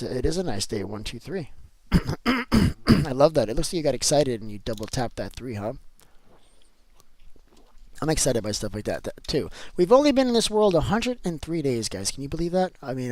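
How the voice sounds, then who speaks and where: A man live-streaming a game and talking straight to his viewers in a relaxed, rambling way. His voice sits in a middle register, and it sounds dry and close with no room echo. He moves from upbeat cheer to mock grumbling as he answers the chat. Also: medium pitch.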